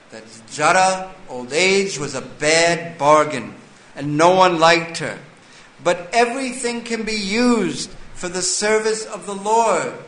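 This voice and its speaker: A scripture class teacher with a slightly high, a bit bright voice lectures at an unhurried, deliberate pace, reading a line of text and then explaining it to his listeners. The room sounds echoey, with faint ambient noise.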